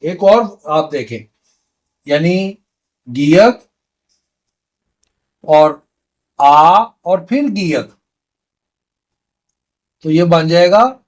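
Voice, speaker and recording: A man teaching a beginner language lesson, patiently repeating each sound step by step. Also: high-pitched. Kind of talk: slow explanatory lesson.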